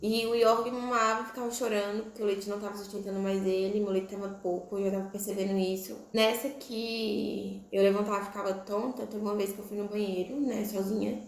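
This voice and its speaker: A woman's voice: mid-range voice, steady tone, fairly quick, few pauses. A young woman, recounting her childbirth in a conversational vlog, often tagging sentences with "né?". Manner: conversational, frequent "né?" tag questions. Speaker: vlogger. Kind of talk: personal storytelling. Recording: echoey room.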